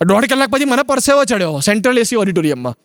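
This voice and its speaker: A man telling a stand-up comedy story in a quick, punchy way. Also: sits high, very animated, fairly bright tone, no room sound, clean studio sound.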